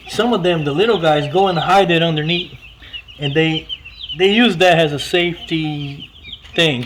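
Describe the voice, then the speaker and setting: A man's voice: sits high, fairly bright tone, a little hiss or hum. A man hosting a vlog, casually explaining step by step how to care for baby chicks beside a coop. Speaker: vlog host.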